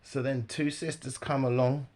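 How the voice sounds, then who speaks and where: A man's voice: medium pitch, level tone, normal speed, a little mellow. A man recounting a street encounter in a casual, rambling way, often repeating his phrases. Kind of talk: casual storytelling.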